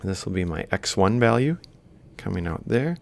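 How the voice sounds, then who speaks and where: Very animated and at a moderate pace, a man with vocal fry and a slightly mellow tone lectures informally on robotics. He works through an example while drawing, thinking aloud in steps and correcting himself. Faint background noise and a low rumble can be heard.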